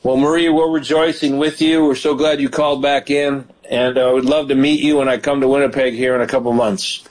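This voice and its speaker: On this call-in ministry broadcast, a man with a mid-range voice speaks briskly and flatly with few pauses, conversing with callers as pastor. He prays fervently, filling his prayers with hallelujahs. The audio quality is rough.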